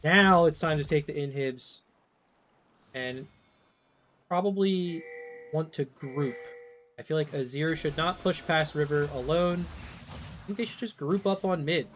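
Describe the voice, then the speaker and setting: A hoarse man calling live esports play-by-play, excitable and quick in his calls. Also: a little high, slight background noise. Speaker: esports caster.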